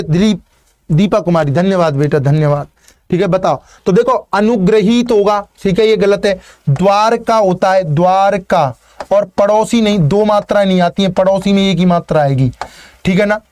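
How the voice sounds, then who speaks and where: A high-pitched man teaches a live online exam-prep class. He explains step by step, checks in with "ठीक है ना" and cheers on his students by name. His voice sounds dry and close to the mic. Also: darkish tone, no room sound. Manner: greets students by name and encourages them.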